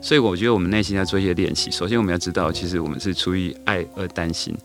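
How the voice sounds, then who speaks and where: A man's voice: deep voice, fairly even intonation, rapid-fire, a bit bright, faint music behind. A middle-aged man, a teacher guest on a podcast, tells a story unhurriedly, with many hesitant fillers and restarts. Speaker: guest, elementary school teacher.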